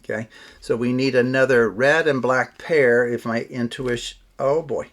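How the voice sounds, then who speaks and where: Guy doing card magician patter, chatty, kinda self-deprecating, talking right to whoever's playing along, medium pitch. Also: steady tone, normal speed, a bit bright. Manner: talks as if to a participant.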